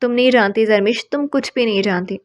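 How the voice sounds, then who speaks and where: A woman voicing a heartbroken young man, soft, tender and resigned. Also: on the high side, muffled recording, close to an everyday voice. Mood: sorrowful. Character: heartbroken young man writing a farewell letter.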